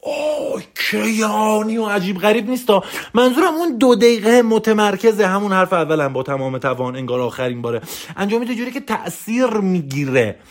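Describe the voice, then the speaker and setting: High-voiced man giving emphatic coaching. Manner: emphatic, repetitive, preachy. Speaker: motivational coach. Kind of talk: motivational voice message.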